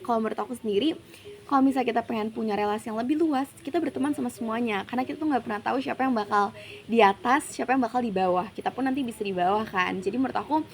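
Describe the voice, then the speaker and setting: A woman's voice: on the high side, racing. Chatty young woman from Jakarta. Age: young adult. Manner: chatty, mixes English phrases into speech. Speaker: university student guest. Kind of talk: casual interview.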